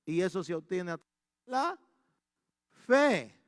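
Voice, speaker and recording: A man's voice: high voice, moderate pace, a bit bright, dry recording, clean studio sound, in a large hall. A male pastor preaching a storytelling sermon in a church. He talks animatedly and often restarts his sentences.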